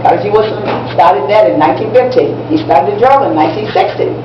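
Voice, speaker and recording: In an amateur one-act play, a woman with a mid-range, natural voice plays a proud, enthusiastic teacher briefing young students on history, speaking fast and expressively, encouraging them and repeating herself for emphasis in an instructive, emphatic way. It was recorded from audience distance in a library event room, so the audio is distant, muffled, noisy and echoey.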